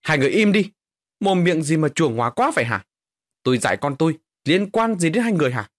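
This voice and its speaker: A furious first wife yells at her rivals to protect her son, voiced by a male narrator. The voice jumps high and loud. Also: very animated, fast, no echo, studio quality. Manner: shouting angrily. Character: wronged first wife, fierce protective mother.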